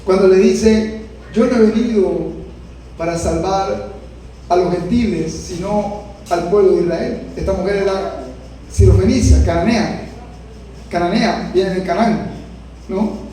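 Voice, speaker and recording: High-voiced preaching man, echoey and distant. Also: measured pace, long pauses. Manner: preaching with dramatic quoted voices and sudden shouts. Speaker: pastor. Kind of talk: sermon. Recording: echoey room, distant mic, faint noise.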